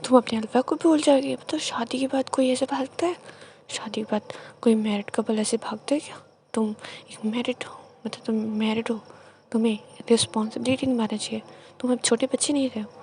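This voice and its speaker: A woman's voice: a little high, fairly even intonation, normal speed, darkish tone, slight background noise. A woman retelling a romance story casually, often correcting herself mid-sentence. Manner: rambling, self-correcting with fillers.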